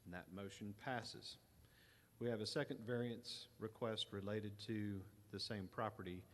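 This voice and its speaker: Low-voiced man chairing a recorded hearing. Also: fairly even intonation, a bit bright, a little hiss or hum. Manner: measured, procedural. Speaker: board chair. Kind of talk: formal hearing procedure.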